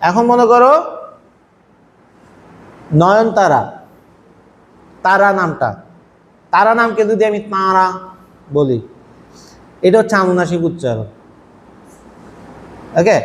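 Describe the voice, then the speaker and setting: Man teaching a class, kinda high voice, lots of "right?" questions, echoey hall w faint hiss. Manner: explains patiently with rhetorical questions to students. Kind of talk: classroom lecture. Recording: faint noise, long hall echo.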